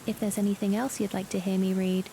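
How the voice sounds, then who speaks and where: A woman with a soft, gentle, sometimes breathy voice reads a gothic tale in a measured ASMR style. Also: mid-range voice, level tone, slight background noise, rough recording. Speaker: story narrator. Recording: loud rain and storm sounds. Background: rain and storm ambience.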